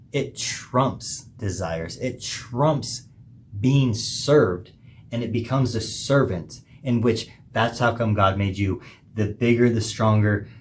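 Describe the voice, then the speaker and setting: A man with a lowish voice delivers an emphatic, preachy monologue as a podcast host, pausing between phrases. Faint noise hums behind him. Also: a little mellow. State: hiccuping. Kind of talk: opinionated monologue.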